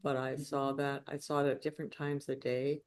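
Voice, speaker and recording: A woman author giving a lecture, telling a personal story in a halting way with many fillers and restarts. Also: a bass voice, level tone, a little mellow.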